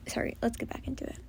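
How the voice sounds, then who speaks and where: Woman, whispered story reading, soft, hushed, gravelly fry, at home. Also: on the high side. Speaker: story reader. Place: home with a cat.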